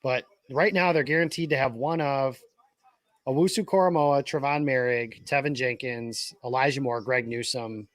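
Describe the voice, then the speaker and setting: A man co-hosting a casual live draft stream, breaking down picks in a relaxed, informed way. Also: medium pitch, moderate pace, no room sound, clean studio sound. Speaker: co-host.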